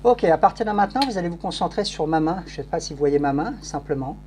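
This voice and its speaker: A stage hypnotist performs in a live show, issuing repetitive, commanding suggestions punctuated by shushing. His voice is on the high side, a little mellow, fast, with lively intonation, and the live recording is noisy with hum.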